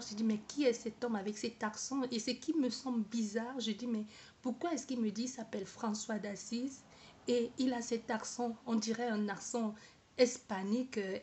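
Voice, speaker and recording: Halting woman with a high voice. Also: darkish tone. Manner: halting, repeats words, searches for words. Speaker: vlogger. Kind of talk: personal testimony to camera.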